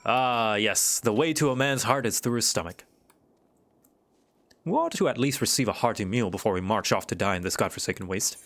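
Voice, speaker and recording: A man's voice: fairly low pitch, fairly quick, a bit bright. A man voicing courteous, weary fantasy knights and camp folk, reading game dialogue in formal, old-fashioned phrasing. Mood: courteous, wry. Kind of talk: read-aloud game dialogue.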